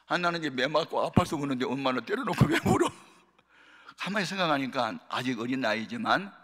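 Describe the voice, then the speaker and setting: A man preaching a sermon as a pastor, telling a childhood story with lively voices and laughter. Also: medium pitch. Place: large prayer hall. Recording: long hall reverb.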